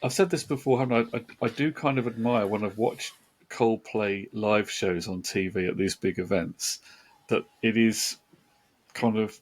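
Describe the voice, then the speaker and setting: A man's voice: fairly low pitch, normal speed. A man co-hosting a casual music podcast, speaking hesitantly and searching for words with many restarts. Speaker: podcast co-host.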